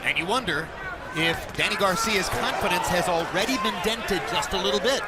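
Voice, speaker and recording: High-pitched male boxing play-by-play commentator. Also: normal speed. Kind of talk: live sports commentary. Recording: loud arena crowd and noise behind.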